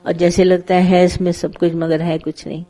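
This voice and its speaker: A woman giving a satsang sermon, teaching in a conversational, gently instructive way and telling parables with acted dialogue. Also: fairly low pitch, flat delivery, normal speed, soft background music. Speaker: spiritual teacher.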